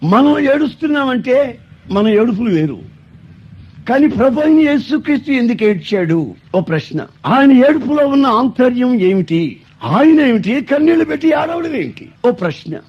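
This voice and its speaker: A man preaching a sermon as a pastor, telling stories in an animated way. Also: extremely high pitch, normal speed, husky. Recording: dull lo-fi recording.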